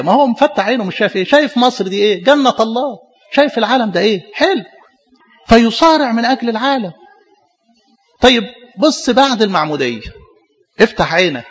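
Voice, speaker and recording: Egyptian priest, sermon; quick, high voice, fires off rhetorical questions. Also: male voice, breathy edge, muffled recording. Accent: Egyptian Arabic. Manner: animated preaching with rhetorical questions.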